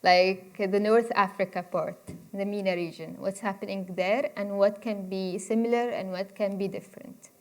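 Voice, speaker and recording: A woman's voice: mid-range voice, fairly even intonation, normal speed. A woman, giving a conversational university lecture and inviting the audience to interrupt with questions. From Egypt. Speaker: guest speaker.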